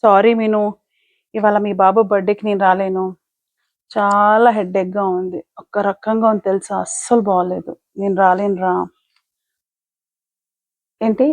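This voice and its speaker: A woman's voice: medium pitch, little pitch movement, unhurried, long pauses, dry recording, lightly acted. A woman playing a stubborn young mother who defends holding a grudge against her friend. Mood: apologetic. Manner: defensive, justifying herself. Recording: dull lo-fi, dry.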